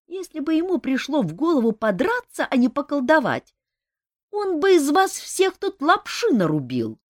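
Woman doing a shrill scolding nymph. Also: wildly swooping pitch, moderate pace, no echo, studio quality. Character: young female nymph dancer, fiery and bossy.

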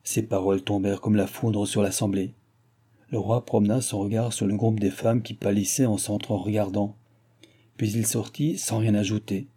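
A man reading a classic novel aloud as the narrator, in a measured, even storytelling delivery. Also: lowish voice, breathy edge. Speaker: audiobook reader.

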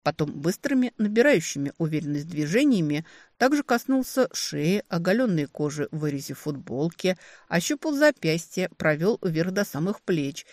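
An audiobook narrator reading a dark fantasy novel in an expressive, dramatic way. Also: medium pitch, moderate pace, no room sound.

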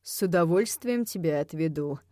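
A woman's voice: a little high, expressive, brisk, no room sound, studio quality, natural voice. A woman reading an audiobook, voicing a lazy, amused young husband who drawls and purrs his lines. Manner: drawling, languid.

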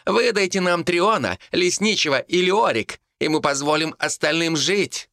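A man's voice: a little high, animated, moderate pace, vocal fry, pushed and bright, no room sound, studio quality, voice pushed up, heavily acted. A man voicing a scheming, ranting male monk who shrieks threats and then turns sugary.

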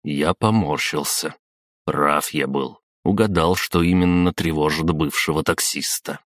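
A male narrator reading an audiobook in the first person, steady and measured. His voice is very low and deep. The recording is close and completely dry. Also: dry recording.

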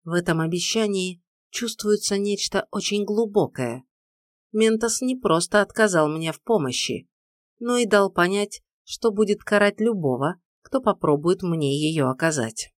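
A woman's voice: mid-range voice, expressive, a little slow, no echo, studio quality. Woman narrating an audiobook. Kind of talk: first-person audiobook narration.

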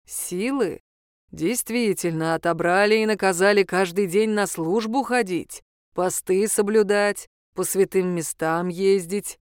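A woman voicing a gruff, mocking male reaper who speaks curtly and drily. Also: medium pitch, unhurried, no echo, natural voice. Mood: stern. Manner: dry, sarcastic, curt. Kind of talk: audiobook character voice.

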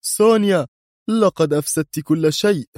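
A man's voice: high-pitched, moderate pace, darkish tone, no echo, studio quality, pitched above the performer's own voice. A man voicing a cold, hidden male mastermind who speaks harshly and sternly through an altered, mechanical-sounding voice.

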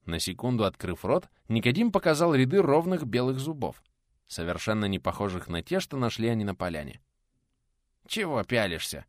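A man narrating an audiobook in a steady, dramatic reading style. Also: mid-range voice, brisk, dry recording, studio quality.

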